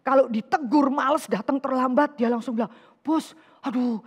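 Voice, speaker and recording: Woman vicar delivering a sermon, high-pitched and lively, rhetorical questions with English phrases mixed in, reverberant church hall. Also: fairly quick, husky. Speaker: vicar preaching. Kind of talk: sermon to a women's fellowship.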